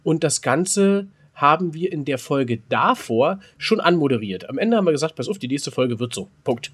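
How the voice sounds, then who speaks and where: A podcast co-host tells stories in casual chat, colloquial and emphatic with some mild swearing. His voice is on the high side, animated, moderately paced and a bit breathy.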